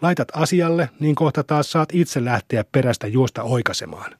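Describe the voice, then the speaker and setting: Brief: gossipy, moralizing neighbor woman, as a male reader puts her on, husky, higher and shrill. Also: expressive, a little mellow, no echo, clean studio sound, natural voice. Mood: lamenting. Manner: lamenting, shrill when triumphant. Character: flustered, preachy neighbor woman, middle-aged.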